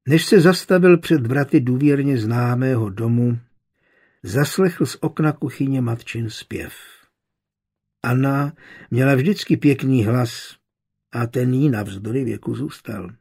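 Gravelly, husky male audiobook narrator. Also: mid-range voice, mellow. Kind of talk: scripted novel narration.

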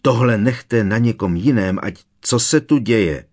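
Man reading a teen boy wizard, urgent and loud, slightly higher voice. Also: animated. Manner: urgent, raised voice. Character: alarmed teenage boy wizard.

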